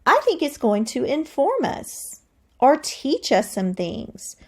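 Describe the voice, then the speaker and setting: A teacher's high voice carries through a deliberate, expressive read-aloud for young children. She thinks aloud as she reads and keeps asking her listeners questions.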